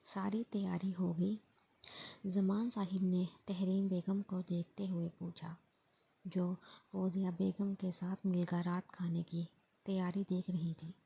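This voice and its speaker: A woman narrates a romance novel in a steady storybook reading. Her voice is low and flat, gravelly and heavily husky. The recording sounds dull and lo-fi. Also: measured pace.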